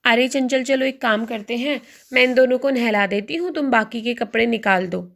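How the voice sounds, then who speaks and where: A woman storyteller voicing a homely elder sister-in-law and mother in a doll story. Her voice sits high. She chats warmly and scolds gently. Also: normal speed, gravelly. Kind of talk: doll story narration and voice acting.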